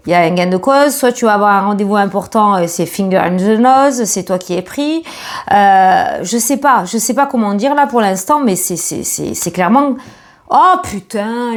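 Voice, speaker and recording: A woman doing a casual tarot reading, excitable and chatty, with many fillers and bursts of swearing when the cards please her. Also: mid-range voice. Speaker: tarot card reader.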